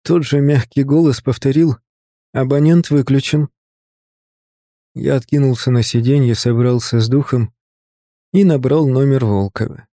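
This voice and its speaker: A man narrating an audiobook in a calm, measured first-person storytelling voice. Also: medium pitch, dry recording, clean studio sound.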